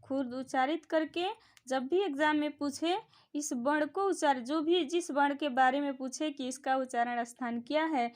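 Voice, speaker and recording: A woman teaching a grammar lesson, patiently repeating each sound aloud for the learner to copy. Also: high-pitched. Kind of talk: classroom-style grammar lesson.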